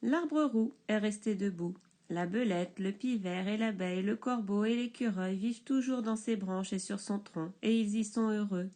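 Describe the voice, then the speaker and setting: A woman reading a picture book aloud to young children, expressive and soft in places. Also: mid-range voice, moderate pace.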